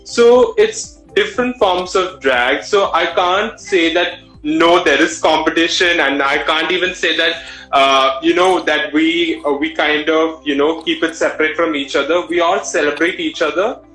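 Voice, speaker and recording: A man's voice: fairly high pitch, a little slow, pushed and bright. A man in his thirties with a Malayali Indian English accent, talking expressively and conversationally as an interview guest. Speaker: interview guest, drag performer. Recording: roomy echo with background music.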